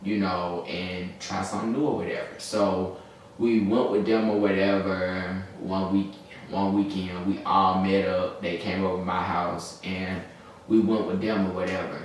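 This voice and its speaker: This Southern-accented young vlogger from Birmingham, Alabama, tells a rambling, slangy story to camera, easily losing his train of thought. His voice sits low, with a level tone and normal speed. It is captured by a distant mic in a very echoey room, with faint background noise.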